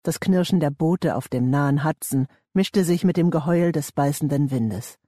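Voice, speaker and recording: Male audiobook narrator, thriller reading, husky and a touch high, dry close sound. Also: normal speed, warm tone, dry recording.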